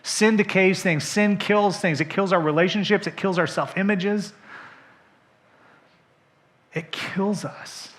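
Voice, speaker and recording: A man preaching a sermon to his church, moving between soft, hushed lines and loud, emphatic points, speaking straight to the congregation. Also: sits high, moderate pace, hardly any pauses. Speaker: pastor. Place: church sanctuary.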